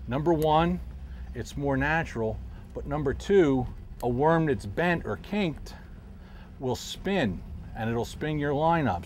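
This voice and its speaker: A middle-aged man calmly explains his fishing technique as he casts from a boat, sounding like a fishing show host. His voice sits at an ordinary pitch and is picked up by a lapel mic outdoors, with a faint wash of outdoor noise behind him. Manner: calm, explanatory, talks while casting. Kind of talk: instructional fishing commentary.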